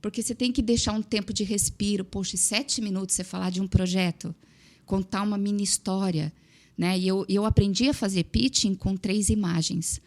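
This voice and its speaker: A woman with a Brazilian Portuguese accent, speaking as a guest on a casual podcast. Her voice sits at a mid pitch, and she tells her story in a lively, chatty way. She often adds small tag questions and filler words as she goes. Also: brisk.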